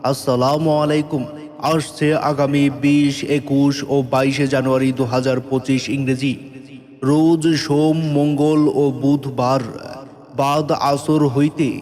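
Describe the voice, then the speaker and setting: A man delivers a public event announcement as if over a loudspeaker. His voice sits at a middling pitch, and he stretches each phrase in a formal, proclaiming cadence. A long, hall-like reverb trails behind his words.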